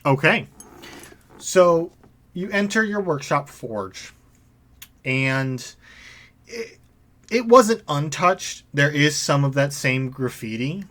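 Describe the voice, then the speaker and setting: A man running a tabletop game as game master, narrating scenes descriptively with halting restarts and fillers. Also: fairly high pitch, lively intonation, a bit bright.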